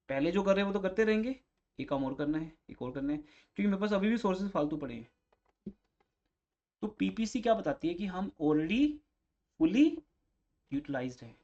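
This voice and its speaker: A man's voice: sits high, a little mellow. Man teaching in a lo-fi lecture. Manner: explains with everyday examples and questions to students. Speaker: commerce teacher. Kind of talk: classroom lecture. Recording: slightly dull lo-fi recording.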